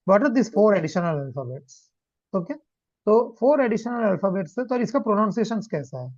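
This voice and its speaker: A man's voice: high-pitched, sing-song, takes it slowly, no room sound. Male language tutor on a muffled video call, patient, mixes two languages. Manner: mixes Hindi and English, keeps checking understanding. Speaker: German language teacher. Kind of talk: online demo class. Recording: dull lo-fi call audio.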